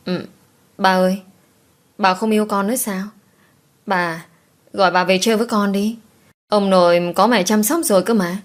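A woman's voice: mid-range voice, steady tone, normal speed, long pauses, lightly acted. A woman voicing a clingy, tearful eight-year-old girl in an audiobook, pleading in a raised child voice. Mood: wailing.

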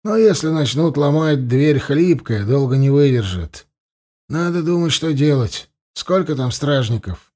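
A man's voice: on the high side, expressive, a little slow, warm tone. A man voicing Hasta, an earnest, worried young priest.

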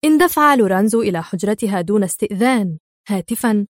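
A woman reads a thriller audiobook in a measured, expressive voice. Her pitch sits in a natural mid range. The recording is close and very dry. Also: no echo. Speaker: audiobook narrator. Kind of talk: dramatic audiobook narration.

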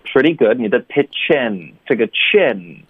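A male pronunciation teacher on a radio show, correcting students slowly and patiently, drilling single sounds. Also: medium pitch, very animated, breathy edge, dry recording. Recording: tinny phone-line voice.

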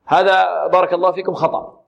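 A man teaching tajweed, who poses questions and answers them himself and repeats words slowly to demonstrate pronunciation. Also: high voice, flat delivery, vocal fry, lo-fi sound. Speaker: Quran recitation teacher. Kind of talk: tajweed lesson with recitation examples.

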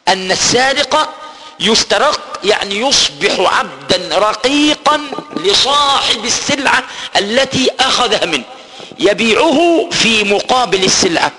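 A man gives a lesson on scripture, retelling the story, explaining the old words and chanting verses slowly. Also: high voice, pushed and bright, big-room sound. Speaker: Quran teacher. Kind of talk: Quran exegesis lesson.

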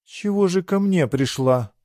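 A young blacksmith apprentice, put on by a male narrator who brushes others off in short, hard phrases. His voice sits slightly higher than the narrator's and stays hushed and clipped. The sound is dry and close. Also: animated, a little slow, dry recording. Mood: cold rebuff. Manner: terse, harsh, hushed.

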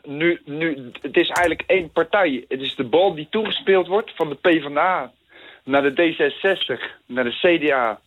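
A man's voice: fairly high pitch, moderate pace. A man from the Netherlands calling in to a radio show over a landline phone, arguing his views earnestly. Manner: opinionated, earnest debating. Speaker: caller. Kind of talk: call-in radio chat. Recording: tinny phone line with faint hiss.

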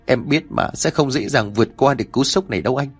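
Brief: man playing a soft-spoken young wife, soothing, audio storybook, husky edge. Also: medium pitch, fast talker, soft background music, voice pushed up, lightly acted. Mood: tender. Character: young wife, gentle and tearful.

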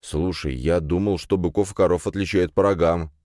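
A man's voice: low-pitched, fairly even intonation, moderate pace, a little mellow, no room sound, close to an everyday voice. A man voicing a practical young man who explains things in a dry, grumbling way. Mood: matter-of-fact. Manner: matter-of-fact, grumbling.

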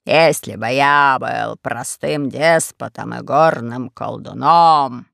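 A man's voice: medium pitch, slow, vocal fry, bright, forceful tone, no echo, clean studio sound, voice pushed down, full character voice. A man voicing a sly, pompous old male castle lord in an audiobook, drawling each word with mock courtesy. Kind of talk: audiobook character voice.

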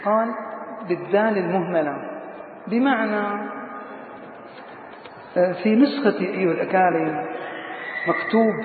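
High-voiced sheikh in an echoey hall. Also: male voice, moderate pace, long pauses, a little hiss or hum. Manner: questions students, then answers himself. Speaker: sheikh teaching Arabic grammar. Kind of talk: classroom grammar lesson. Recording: tinny lo-fi echoey hall recording.

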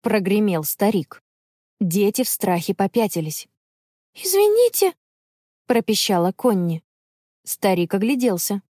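A woman telling a children's story in measured, expressive audiobook narration. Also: mid-range voice, no room sound, studio quality.

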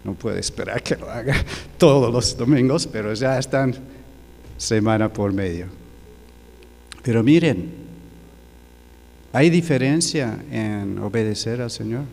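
Older guy preaching slow, halting, gravelly low voice, big echoey hall. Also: darkish tone. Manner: slow, halting storytelling with fillers. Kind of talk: sermon testimony.

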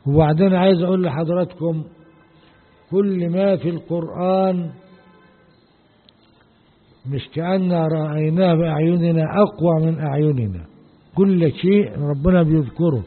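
An Egyptian man leads a religious lesson, speaking in a fairly high voice. He explains at a deliberate pace, asking his listeners questions and then answering them. The sound is thin and phone-like, with a long hall echo trailing behind his words. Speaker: sheikh teaching a Quran commentary.

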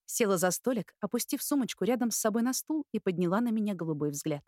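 A woman narrating an audiobook in clear, even scripted narration. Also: medium pitch, quick pace, dry recording, clean studio sound.

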